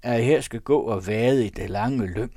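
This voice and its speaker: A man voicing a desperate male poacher who begs loudly for his life in a high, strained voice. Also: dry recording, clean studio sound, close to an everyday voice. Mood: wheedling. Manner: high, loud, begging.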